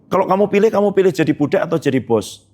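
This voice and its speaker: Animated male pastor preaching. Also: sits high, fast talker. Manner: lively preaching, questions the congregation and jokes. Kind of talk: sermon. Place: church hall.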